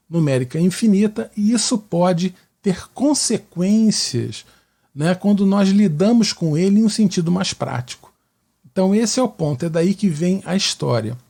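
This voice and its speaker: A husky, fairly high-voiced man from Rio de Janeiro speaks with a Carioca Brazilian Portuguese accent, hosting his own podcast as a math teacher would. His mellow, conversational explanations are didactic and peppered with tag questions to make sure the listener agrees and follows along.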